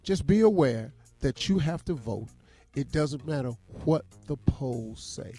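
A man's voice: medium pitch, expressive, measured pace, mellow, soft background music. A man co-hosting radio, giving emphatic, folksy opinions in casual talk. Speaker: radio show co-host.

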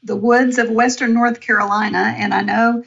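A woman hosts a relaxed podcast conversation with bubbly enthusiasm. Her voice sits a little high and has a gravelly, creaky edge. She speaks from her home. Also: normal speed, highs cut off. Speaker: podcast host. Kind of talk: casual podcast interview. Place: home in the woods.

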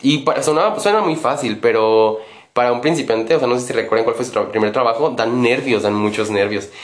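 A man's voice: mid-range voice, fairly quick, echoey room. Rambling Mexican man telling a story. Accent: Mexican Spanish. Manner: rambling, with many fillers and self-corrections. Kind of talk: casual storytelling.

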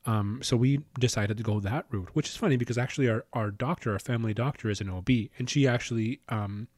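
A man's voice: mid-range voice, fast talker, a little mellow, no echo, clean studio sound. A man telling stories in a casual, rambling way, with lots of restarts and casual swearing. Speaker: podcast host. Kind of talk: casual storytelling.

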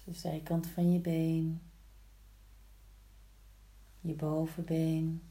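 Woman, yoga instructor, soft hushed soothing guidance, lowish pitch, slow unhurried pace, long pauses. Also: completely flat delivery. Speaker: yin yoga teacher. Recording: roomy, echoing sound.

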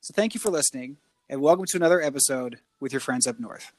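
A man's voice: mid-range voice, quick pace, darkish tone, dry recording. A man co-hosting a podcast, playful and upbeat in casual chat. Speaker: podcast co-host.

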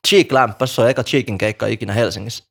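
A man's voice: mid-range voice, gravelly, fairly bright tone, a little hiss or hum. A man chatting casually and joking in a rambling, slangy way. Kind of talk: casual chat about rap.

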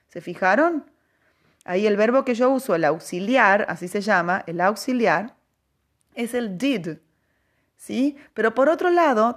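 A woman teaches an English grammar lesson in a fairly high, lively voice that rises and falls a lot. She reads the example sentences slowly and carefully, slipping into to explain and checking in with a repeated "okay?".

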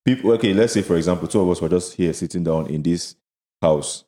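A young man with a Nigerian accent co-hosts a casual chat from the couch. His voice is deep and dark. He banters in slang, often circling back to repeat a phrase. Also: fast talker. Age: young adult. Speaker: podcast co-host. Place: home studio, seated on a couch.

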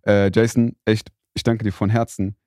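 A man's voice: lowish voice, little pitch movement, moderate pace, a little mellow, dry recording, clean studio sound. A young man co-hosting a casual faith podcast, talking in a rambling, hesitant way with many fillers. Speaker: podcast co-host.

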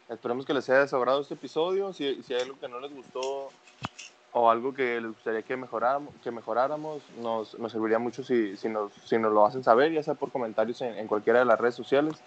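A man co-hosting a podcast, wrapping up the episode in a relaxed, polite, slightly halting way. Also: medium pitch. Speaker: podcast co-host. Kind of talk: casual podcast sign-off. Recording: dull lo-fi sound with faint noise.

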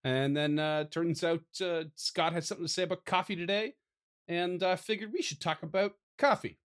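A man's voice: a little high, normal speed, a bit bright. Casting note: male podcast host, laughs a lot, teasing, easygoing friend-chat delivery. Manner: chatty, laughs often, teasing. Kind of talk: casual chat.

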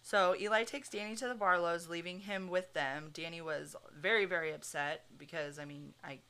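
A woman's voice: on the low side, fairly even intonation, moderate pace, pushed and bright, clean tone. A woman hosting a podcast, telling a true crime story in casual chat, full of fillers and swearing. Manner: chatty, many fillers like "like", swears freely. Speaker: podcast host.

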